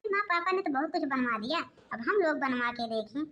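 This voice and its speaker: A woman's voice: high voice, expressive, a little fast, sharp tone, highs cut off, slight background noise. A woman voicing a polite, dutiful elder daughter-in-law in a cartoon, speaking in a soothing way. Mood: calming.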